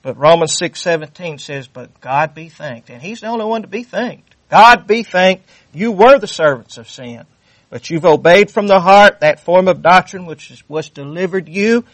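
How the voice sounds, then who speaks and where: Man preaching, high voice, fervent, repeats lines, dry sound. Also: lively intonation, normal speed, no echo. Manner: fervent, repeats phrases, reads scripture aloud. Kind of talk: sermon.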